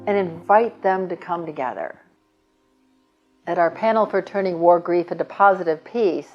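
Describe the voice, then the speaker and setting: A woman speaking for an organization, purposefully laying out plans and reaching out. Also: mid-range voice. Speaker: organization spokesperson. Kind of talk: interview statement. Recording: slightly muffled recording with faint music.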